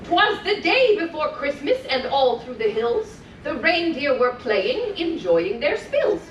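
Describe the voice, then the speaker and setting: A woman playing a cheerful, gentle Mrs. Claus, reading rhymes to children in a sing-song, encouraging way with chatty asides. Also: sits high, big pitch swings, measured pace, lo-fi sound. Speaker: character storyteller at a children's event. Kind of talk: live storytelling to children, rhymed picture-book reading. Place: indoor room on a cruise ship. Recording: distant mic, roomy echo, faint noise.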